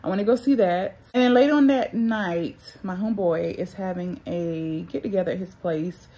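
Talking with her retainers in, a young woman from North Carolina, USA, sounds a bit muffled as she chats in her vlog. Her voice is lowish and warm at a normal speed, and she addresses viewers as "y'all" and "girl."

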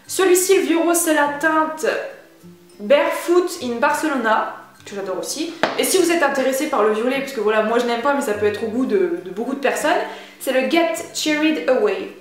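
A young woman with a high voice talks her way through a beauty haul, chatty and full of slang. The recording is very echoey, with faint music underneath. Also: expressive, normal speed. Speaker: beauty vlogger. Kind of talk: casual beauty haul vlog.

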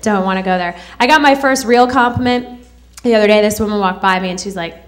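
Fast-talking and medium-pitched, this comedian in her thirties works a club stage with a handheld mic. She's snappy and sarcastic throughout, using mocking voices for the characters in her set.

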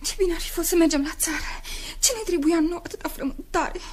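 An actress playing Gabrielle, a tearful, fearful wife, in a 1970s radio drama. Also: female voice, very high-pitched, steady tone. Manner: tearful, plaintive.

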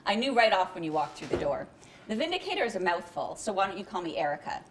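A woman's voice: on the low side, big pitch swings, fast, background noise. A woman reading the lines of a smug, condescending young woman hacker at a bookstore reading, in a cool, matter-of-fact way. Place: bookstore event.

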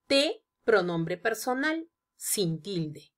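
A woman narrating a scripted grammar lesson, explaining each example slowly and deliberately. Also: mid-range voice, very animated. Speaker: teacher.

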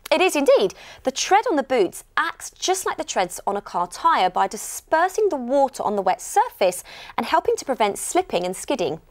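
A middle-aged British woman gives a scripted shopping channel demonstration. Her voice sits a little high and moves with very lively intonation. She sounds enthusiastic and explanatory. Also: moderate pace, no room sound. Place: TV studio lounge set.

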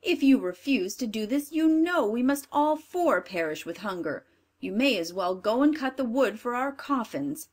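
A woman voicing a harsh, scornful stepmother in a storybook reading, sharp and commanding. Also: fairly high pitch, animated, moderate pace, breathy edge. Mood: scheming. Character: harsh scolding stepmother, middle-aged woman.

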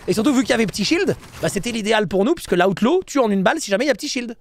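High creaky-voiced excitable man. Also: very fast, slight background noise. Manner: excitable, bursts into shouts, repeats phrases. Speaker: esports team streamer commenting a match. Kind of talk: excited live match commentary.

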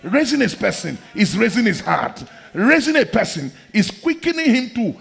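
A middle-aged man preaching a sermon in a large church hall, fervent and repetitive, often breaking into shouts. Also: sits high, big pitch swings, normal speed, gravelly, breathy edge.

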